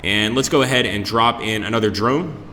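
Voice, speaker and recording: A man's voice: lowish voice, normal speed, bright, forceful tone, slight background noise. A man doing casual live gameplay commentary as a streamer, chatting to his viewers, recorded in an echoey conference room that sounds like a cave. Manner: talks to viewers, greets them by name.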